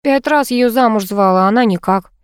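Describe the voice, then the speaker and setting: A woman's voice: fairly high pitch, a little fast, clean tone, dry recording, studio quality, lightly acted. A woman voicing a cajoling, good-humoured man in his thirties in an audiobook.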